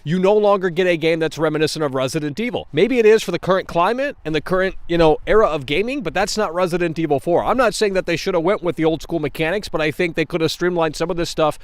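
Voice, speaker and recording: A man's voice: on the high side, fast, few pauses, dry recording. A man hosting a livestream, giving casual, opinionated game commentary in an exasperated, blunt and sweary way. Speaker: livestream host.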